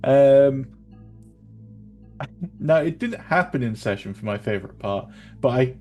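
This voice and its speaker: A man's voice: medium pitch, expressive, takes it slowly, mellow. Guy gamer, mid voice, easygoing casual chat, chuckly, faint music under him. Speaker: tabletop game player.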